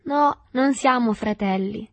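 An eager, fawning boy whose sweet sing-song voice jumps up high when he flatters, as a woman puts him on. The lines come bright and pushed in a dry audiobook reading. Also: takes it slowly, no echo.

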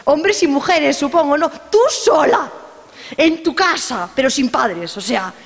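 Animated woman storyteller, high and lively. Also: normal speed. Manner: playful, dramatic, talks to listeners directly. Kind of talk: live oral storytelling to an audience. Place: hall with an audience. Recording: long hall reverb.

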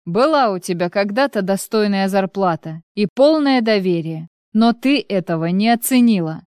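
A woman's voice: mid-range voice, expressive, normal speed, darkish tone, clean tone, no echo, clean studio sound, lightly acted. Woman reading as a scornful male company boss. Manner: scolding, contemptuous. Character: angry male company director, harsh.

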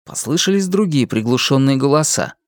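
An audiobook narrator reading in an even, measured manner. The pitch sits in the middle, and the recording is close and dry, with no room echo.

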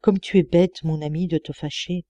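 A sick old man from an audiobook story, coaxing and grumbling by turns. A woman reads him aloud, her voice mellow and dry, close to the mic. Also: sits low, fairly even intonation, moderate pace, no echo, muffled recording, lightly acted. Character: frail old sick man, gentle but impatient.

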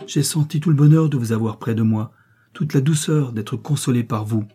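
Man voicing a blind brooding older man, emphatic, very dark mellow tone, husky. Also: medium pitch, moderate pace, lightly acted. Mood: pleading.

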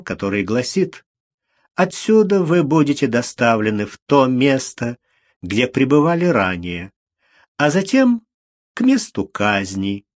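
An unmoved older judge speaks in a measured, formal way as he sentences a prisoner, read by a man in close to his own voice. The tone is official and even. It is an audiobook reading. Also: medium pitch. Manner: level, formal. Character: stern older male judge passing sentence.

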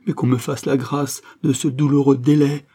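A man's voice: lowish voice, steady tone, normal speed, dark tone, breathy edge. A man reading a novel aloud, voicing a desperate middle-aged mother who pleads for her son and husband in an anguished voice. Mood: anguished pleading. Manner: pleading, anguished, rising to cries. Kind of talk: audiobook character reading.

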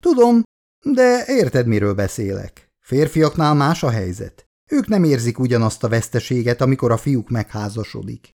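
A man's voice: medium pitch, very animated, a little mellow. Man voicing a fretful affectionate middle-aged wife. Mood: fretful chatter. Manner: chatty, anxious, coaxing.

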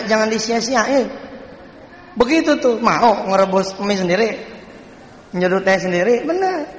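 A male preacher telling a story in a lively, colloquial sermon to a congregation. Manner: animated, colloquial, swooping pitch. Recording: echoey live hall recording.

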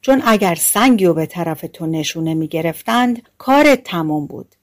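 A woman voicing a wise, cautious father sparrow who gives earnest warnings, slightly lower than her narration. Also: lively intonation.

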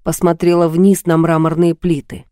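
Woman narrator, first-person audiobook, mellow and close, dry booth sound. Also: lowish voice, level tone, normal speed, clean tone, no room sound. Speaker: audiobook reader.

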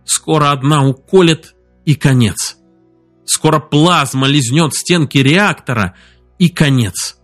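A man narrating an audiobook in a measured, steady reading voice. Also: on the high side, soft background music. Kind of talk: scripted narration.

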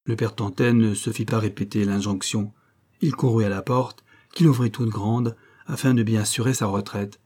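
A man reading a novel aloud as an audiobook narrator, in a steady, measured way. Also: fairly low pitch.

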